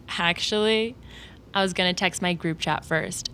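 In an audio drama with contemporary dialogue, an actress plays a smug, scornful young woman who used to be a popular mean girl. Her voice is fairly low, unhurried, pushed and bright, delivered sarcastically and with a sneer, with a little hiss or hum in the recording.

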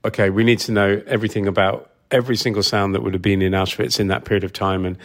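A film sound designer, appearing as an interview guest, explains his craft in a fairly low voice with a flat delivery. He sounds casual and reflective, slightly halting as he thinks aloud and rephrases what he's saying.

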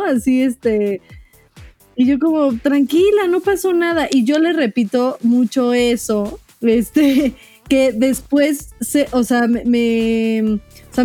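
Female podcast host, warm voice a bit high, rambling casual mom. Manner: rambling, hesitant, many "este" fillers, laughs.

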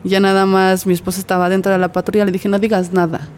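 A woman's voice: mid-range voice, flat delivery, fast, a little mellow, a little hiss or hum. Mexican woman recounting an ordeal earnestly. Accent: Mexican Spanish. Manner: earnest, vivid retelling that acts out what others said. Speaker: interview guest. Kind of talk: personal testimony.

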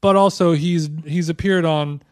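Higher-pitched man, dry close sound. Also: normal speed, clean tone, no echo. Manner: rambling, animated storytelling with many "like"s. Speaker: podcast co-host. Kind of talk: casual chat.

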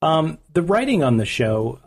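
A male interviewer whose breathy voice moves up and down a lot as he talks. He sets up his questions at length and with eager interest, in a relaxed conversational style. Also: a little high, unhurried. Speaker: interviewer, podcast host.

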